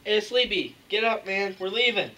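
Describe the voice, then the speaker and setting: A man's voice: sits high, normal speed, lightly acted. A young man playing an aloof, self-consciously cool guy in an amateur comedy sketch, dismissive in tone. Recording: home room, clear background noise.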